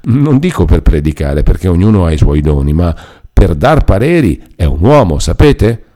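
A man's voice: low voice, very animated, normal speed, dark tone. A man voicing a chatty self-important old friar. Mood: garrulous. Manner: garrulous, explaining, reassuring.

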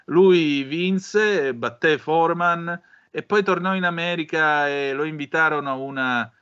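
A man's voice: on the high side, unhurried, bright, forceful tone, clear, resonant tone, highs cut off. A man hosting a radio show, chatting loosely and telling long stories to listeners. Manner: rambling, storytelling. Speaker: radio host. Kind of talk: casual radio talk.

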